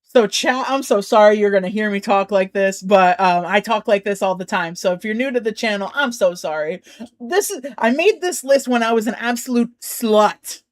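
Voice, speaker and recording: A woman's voice: medium pitch, lively intonation, normal speed, no room sound, studio quality. A woman hosting a casual stream, chatting and ranking characters, rambling, giggling and swearing freely. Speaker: streamer host.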